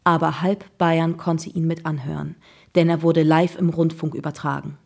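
A woman's voice: sits low, little pitch movement, normal speed, gravelly, a little mellow. A woman narrating a children's crime audiobook in a suspenseful storytelling manner.

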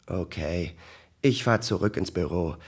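Grumpy lazy cop guy, dry and kinda bored, slow talker, narrator doing him. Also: sits low, husky, pitched below the performer's own voice, full character voice. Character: grumpy, laid-back male detective, adult.

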